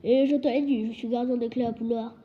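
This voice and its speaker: A woman voicing a huge, quick-tempered man with a loud, indignant, roaring way of talking, in a storybook reading. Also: on the high side, steady tone, slight background noise, lightly acted. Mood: gruff. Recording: dull lo-fi recording.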